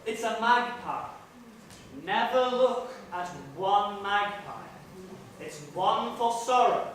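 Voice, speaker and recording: A woman's voice: medium pitch, expressive, slow pace, a little hiss or hum. An actress voicing a sheltered, well-spoken little boy, polite and earnest. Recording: echoey stage from far off.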